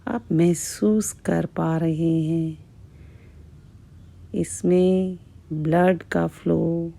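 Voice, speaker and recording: A woman hypnotist guiding a relaxation in a hushed, breathy, measured voice, repeating soothing phrases with long pauses. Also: fairly low pitch, fairly even intonation. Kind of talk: slow, soothing guided hypnosis.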